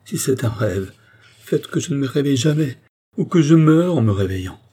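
A man's voice: mid-range voice, lively intonation, normal speed, warm tone, slightly rough, voice pushed up. A man voicing an anguished young noblewoman torn by forbidden love, in an audiobook reading, pleading and exclamatory. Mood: rapturous.

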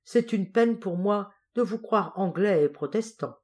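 A woman voicing an impulsive young noble girl who talks in an excited, questioning way, in a storybook reading. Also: mid-range voice, a little slow, close to an everyday voice. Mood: astonished.

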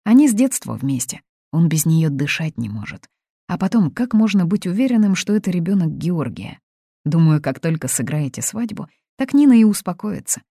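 A woman's voice: sits low, expressive, normal speed, darkish tone, dry recording, studio quality. A woman reading aloud, voicing a blunt, matter-of-fact young woman friend. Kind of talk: audiobook reading.

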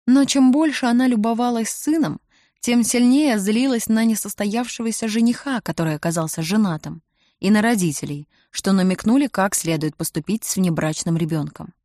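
A woman narrating an audiobook in a measured, even reading voice. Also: mid-range voice, no echo, studio quality.

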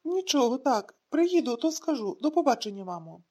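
A woman's voice: high-pitched, very animated, moderate pace, darkish tone, slightly rough, heavily acted. A woman reading a strained young father. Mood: forced cheer. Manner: forced cheerfulness. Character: young father, hiding his worry. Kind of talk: audiobook reading.

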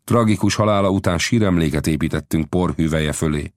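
A man voicing a proud young Apache chief in a storybook reading, speaking in a measured, formal and courteous way. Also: low-pitched, no room sound, clean studio sound, close to an everyday voice. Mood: dignified.

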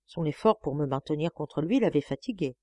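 A woman reading a novel aloud as an audiobook, in a measured, expressive first-person voice. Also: sits low, no echo. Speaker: audiobook reader. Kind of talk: literary audiobook narration.

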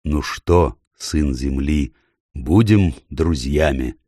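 A man voicing a great noble male lion in an audiobook, speaking slowly and gravely in a deep, low voice. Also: mellow, no room sound, clean studio sound, full character voice. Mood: warm, firm. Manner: slow, grave, measured. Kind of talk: audiobook character voice.

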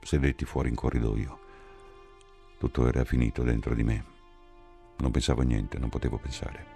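A man narrating a literary audiobook in an extremely low, gravelly voice with a dark, mellow tone. His reading is grave, measured and hushed. Soft music runs faintly underneath. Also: steady tone. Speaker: audiobook reader.

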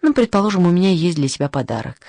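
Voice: medium pitch, big pitch swings, rapid-fire, dark tone, no room sound. A reader voicing a sheepish young man. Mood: teasing. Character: flustered, evasive young man, devil's envoy.

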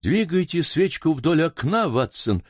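A man's voice: fairly low pitch, very animated, normal speed, a little mellow, no echo, clean studio sound. A man reading an audiobook voices a stern young baronet who speaks commandingly. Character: stern young male baronet, demanding answers.

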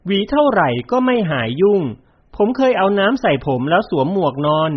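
A man's voice: sits high, very animated, normal speed, husky, pitched above the performer's own voice, heavily acted. Polite, cheerful young man, read by a male narrator for a storybook; slightly raised, bouncy delivery, dull recording. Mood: eager, polite. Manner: polite, amused, eager.

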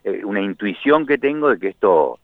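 A man's voice: on the low side, very animated, normal speed, no echo. An Argentine man, a radio correspondent, calling in and talking in an impassioned, indignant way with many restarts. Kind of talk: phone-in radio commentary. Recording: tinny phone line.

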